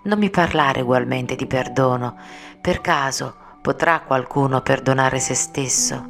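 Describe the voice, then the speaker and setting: A frail, gentle young woman in an audiobook speaks softly with quiet, resigned tenderness, as a woman narrator reads her part. The voice is low and slightly gravelly. Music plays clearly behind her. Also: heavily acted. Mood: tender, resigned. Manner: soft, slow, tender speech.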